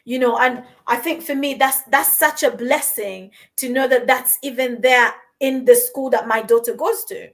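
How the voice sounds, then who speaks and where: A woman's voice: high voice, normal speed, few pauses, fairly bright tone. A woman from Uganda hosting a podcast, talking in an earnest, encouraging way and often repeating her words. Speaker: podcast host. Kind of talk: conversational podcast talk. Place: London.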